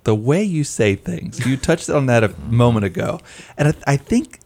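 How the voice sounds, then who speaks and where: A man's voice: medium pitch, expressive, moderate pace, a little mellow. A man hosting a casual chat about work, often affirming others with "right" and "yeah.". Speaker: podcast host.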